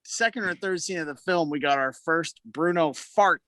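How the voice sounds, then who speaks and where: Bright high-voiced man joking around. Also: moderate pace. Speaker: podcast co-host. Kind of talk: casual chat.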